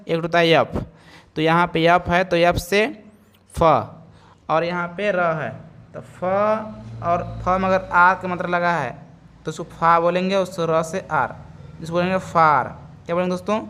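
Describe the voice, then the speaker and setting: Man, phonics teacher, smooth clear voice, spells and repeats words. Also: high-pitched, a bit bright. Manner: slow, repeats each word and quizzes viewers. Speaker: English teacher.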